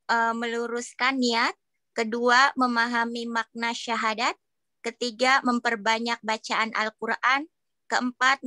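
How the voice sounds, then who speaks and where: Bright-voiced woman reading a list. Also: on the high side, no room sound. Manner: steady and plain, numbering each point. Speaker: reader. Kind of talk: reading a numbered list aloud.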